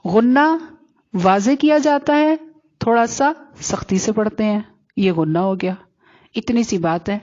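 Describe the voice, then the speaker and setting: A woman teaching Quran recitation rules who explains patiently, checks that her students follow, and slowly chants the example words. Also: medium pitch, darkish tone, lo-fi sound.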